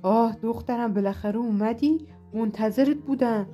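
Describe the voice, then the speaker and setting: A woman voicing a sly, greedy big bad male wolf in a children's storybook, slow and scheming, sometimes faking a sweet granny voice. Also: on the high side, mellow, soft background music, close to an everyday voice. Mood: fake sweet. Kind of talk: storybook read-aloud.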